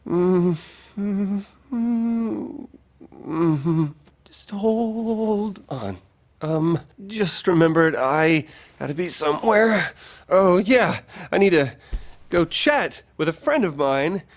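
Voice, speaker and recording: A man's voice: sits high, animated, very slow, exaggerated voice. Vincent, a stressed, rambling young guy. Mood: awkward. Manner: nervous, rambling, swearing. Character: anxious, stressed young man. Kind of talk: video game voice acting. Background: game music.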